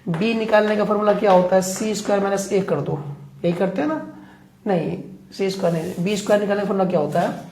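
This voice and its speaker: High-pitched, gravelly and darkish, this man talks fast as he explains maths at the board, chatting and repeatedly checking in with his students. Faint noise and echo fill the room.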